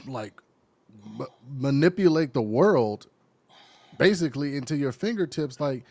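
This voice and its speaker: A man with an American accent chats loosely on a podcast, his voice close and dry with no room sound. He leans on fillers and breaks into laughs often, his pitch sitting in an ordinary middle range. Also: animated, measured pace, a little mellow, dry recording. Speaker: podcast co-host. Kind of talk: casual chat.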